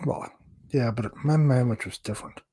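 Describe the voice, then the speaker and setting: A man co-hosting a podcast, chatting casually with self-deprecating jokes and halting restarts. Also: medium pitch, mellow, husky, dry recording. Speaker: podcast co-host, referee.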